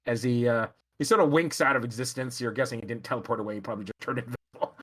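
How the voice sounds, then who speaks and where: A man improvising narration as game master, halting as he searches for words. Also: mid-range voice, fairly bright tone, slightly rough.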